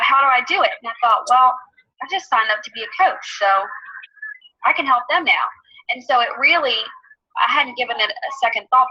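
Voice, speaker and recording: A woman's voice: on the high side, bright, forceful tone, breathy edge. A woman in her twenties chatting eagerly about becoming a coach. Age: 20s. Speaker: student and coach. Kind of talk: testimonial. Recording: dull lo-fi recording.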